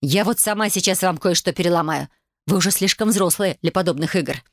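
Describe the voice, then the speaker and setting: A woman's voice: fairly low pitch, brisk, no room sound, studio quality. A woman reading an audiobook voices a stern middle-aged mother who scolds her daughters. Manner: scolding, commanding.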